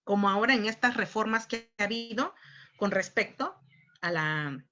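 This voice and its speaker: A woman with a Mexican accent speaks at a conference at a middle pitch. Her delivery is conversational, and she often checks in with rhetorical questions and mimics other people as she talks. The recording sounds muffled and lo-fi. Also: expressive, moderate pace, pushed and bright. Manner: acts out other people's voices. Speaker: conference speaker on human rights. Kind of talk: conference talk.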